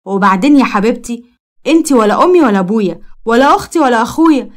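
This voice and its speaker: A woman's voice: a little high, lively intonation, racing, natural voice. A woman voicing a defiant, flippant young female student, with an Egyptian Arabic accent and a mocking, dismissive manner.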